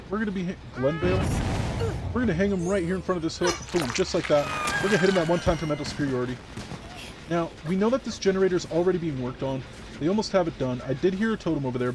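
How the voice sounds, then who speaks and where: A man's voice: a little high, background noise. A tired man streaming a game live, chatting and boasting playfully to his chat. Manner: boastful, playful trash talk. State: tired, yawning. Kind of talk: live gameplay commentary.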